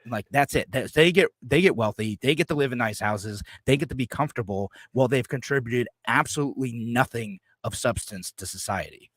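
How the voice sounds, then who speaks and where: A man's voice: medium pitch, a little fast, hardly any pauses, fairly bright tone, no room sound. A man in casual political talk, full of "like" and restarts, sometimes slipping into quoted voices. His voice sits in a middle register. The sound is dry and close. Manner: many fillers and restarts, quotes others in voices. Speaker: podcast co-host.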